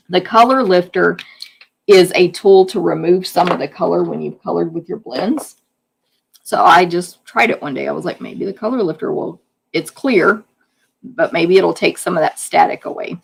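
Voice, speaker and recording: Woman craft instructor, hoarse and gravelly, chatty hands-on demo delivery. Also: lowish voice, slight background noise. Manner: chatty, hands-on explaining while working. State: losing her voice. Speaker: card-making instructor. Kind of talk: live craft demonstration.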